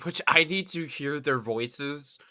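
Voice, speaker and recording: A man co-hosting a casual podcast in slow, joking banter. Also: on the high side, pushed and bright. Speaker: podcast co-host.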